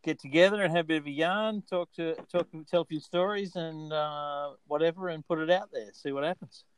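A man's voice: fairly high pitch, fairly even intonation, a little fast, smooth, dry recording, poor audio. An Australian man hosting a casual podcast chat in a laid-back, jokey way. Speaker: podcast host.

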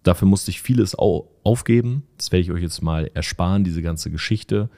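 A man's voice: sits low, moderate pace, vocal fry, dark tone. A young man from northern Germany, a podcast host telling stories in a chatty, self-mocking way, with many fillers, acting out the people he quotes. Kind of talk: casual storytelling monologue.

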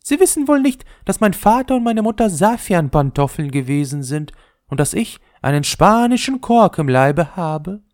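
A man's voice: high-pitched, sing-song, normal speed, no echo, studio quality, voice pushed up. A man voicing a vain young female leather ball in a fairy tale, speaking in an affected, self-important way. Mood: haughty coy. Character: vain, prim young lady ball, high and haughty.

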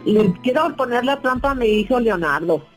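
A woman's voice: on the high side, animated, moderate pace, breathy edge, soft background music, poor audio. A woman calling a radio show, worried and complaining. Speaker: caller. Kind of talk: phone-in call.

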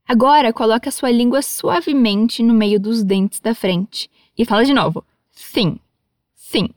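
A woman's voice: a little high, a little slow, dry recording, clean studio sound. A Brazilian woman with a Brazilian Portuguese accent, teaching English in a patient, encouraging, playful way. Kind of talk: lesson for learners.

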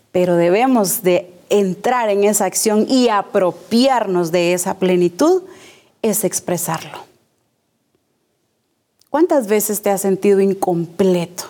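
A woman preacher delivering a sermon in a fairly high voice. She takes her time, stressing each phrase and circling back to repeat the key words. She puts rhetorical questions to the congregation. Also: darkish tone.

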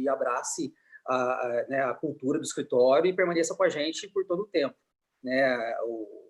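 A man with a Brazilian accent explaining things casually on a video call, hesitating and repeating words as he looks for his phrasing. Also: medium pitch. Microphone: video call microphone.

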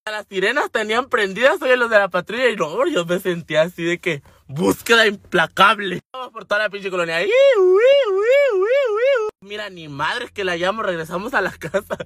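A man's voice: high voice, fast talker, hardly any pauses, no echo, clean studio sound. A man with a Mexican accent telling a funny personal story, swearing freely and acting out every line people said. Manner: animated, swears freely, dramatic retelling with acted-out quotes; refers to himself with feminine forms. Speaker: vlogger.

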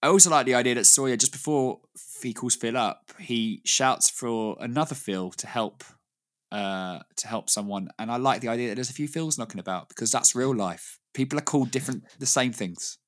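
A man's voice: medium pitch, brisk. A British man co-hosting a casual podcast chat, rambling with frequent laughs and restarts. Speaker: podcast co-host.

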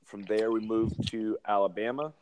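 A man's voice: on the low side, fairly even intonation, moderate pace, a crowd in the background. A young man, a podcast guest, telling easygoing stories about his childhood in a military family. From born in South Carolina, military family. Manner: easygoing, storytelling. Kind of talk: casual podcast chat.

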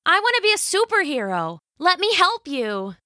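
A woman voicing a rebellious teenage girl hero who speaks high, eager and defiant. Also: very animated, normal speed, bright, forceful tone, no echo, studio quality, full character voice.

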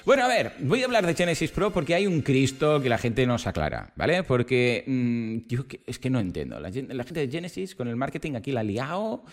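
A man hosting a casual tech podcast. He explains things with everyday examples and throws out rhetorical questions. His voice sits at a middle pitch, and his delivery swings lively up and down. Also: brisk, few pauses. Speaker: podcast host.

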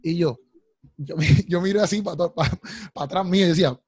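A young man with a Puerto Rican accent, telling animated stories in a casual chat and calling his friends "loco" and "papi". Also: on the high side, a little fast, husky, no room sound, studio quality. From Puerto Rico. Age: young adult.

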